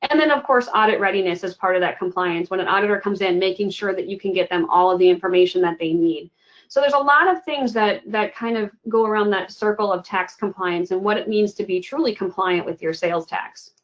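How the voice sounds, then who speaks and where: A woman's voice: medium pitch, fairly quick, muffled recording. A woman giving a webinar presentation in a conversational way, with frequent "you know" and "um".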